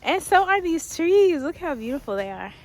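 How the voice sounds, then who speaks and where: A young woman talking casually while walking a quiet wooded trail in winter, a little out of breath, with many ums. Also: extremely high pitch, big pitch swings, moderate pace. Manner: chatty, laughs often, many ums. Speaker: vlogger.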